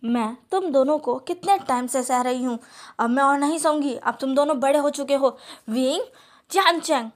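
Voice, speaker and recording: A woman's voice: high voice, moderate pace, natural voice. A woman voicing a stern, short-tempered mother who scolds, in a storybook reading. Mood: scolding. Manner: scolding, loud.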